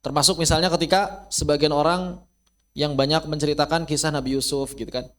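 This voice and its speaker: Animated male Quran teacher. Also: a little fast. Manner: explains with rhetorical questions; animated, rises high when stressing a point. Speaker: Islamic studies teacher. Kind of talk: online Quran lesson. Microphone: close mic, online class.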